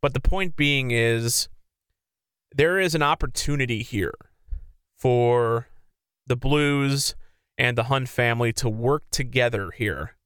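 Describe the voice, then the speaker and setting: Bright-voiced opinionated male podcast host. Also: medium pitch, slow, long pauses, smooth, dry recording, clean studio sound. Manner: rambling, opinionated, conversational. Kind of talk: casual sports commentary.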